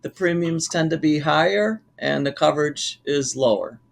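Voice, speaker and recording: A man co-hosting a casual podcast, explaining insurance with halting restarts. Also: a little high, gravelly. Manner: hesitant, restarts while explaining. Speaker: insurance professional co-host. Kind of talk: casual chat.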